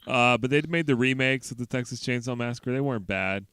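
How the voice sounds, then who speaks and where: A man's voice: medium pitch, a little fast, fairly bright tone, smooth, no room sound. A man casually hosting a podcast, loose and rambling, laughing often. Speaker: podcast host. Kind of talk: casual chat.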